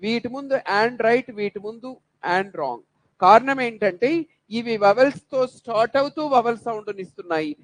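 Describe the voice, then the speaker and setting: A man's voice: extremely high pitch, low-quality recording. A man teaching an English grammar lesson, asking questions and answering them himself and drilling word sounds one by one. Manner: poses rhetorical questions then answers them; drills words by repeating sounds. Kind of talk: classroom-style grammar lesson.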